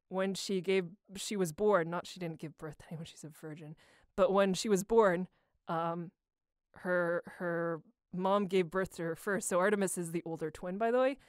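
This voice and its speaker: A young woman who does amateur voice acting answers a question at medium pitch, smooth and studio-quality with no echo. Her storytelling is loose and slang-heavy, irreverent and animated, with quotes performed in character as she rambles on.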